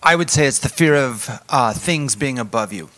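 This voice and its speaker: A male talk show guest with a bright, forceful voice, guessing trivia answers. He jokes along with enthusiasm in casual conversation. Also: mid-range voice, animated, moderate pace. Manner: jokey, enthusiastic. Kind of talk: casual chat.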